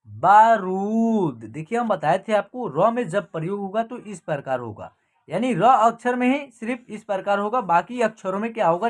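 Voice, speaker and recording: A woman teaching Hindi reading in an online lesson. She reads each word slowly and clearly, then explains it quickly, and repeats every sentence for the learner. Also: medium pitch.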